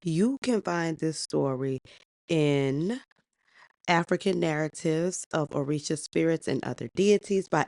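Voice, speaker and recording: Low-voiced sassy woman storyteller. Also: creaky, darkish tone, no room sound. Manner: sassy, chatty asides. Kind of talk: casual oral storytelling.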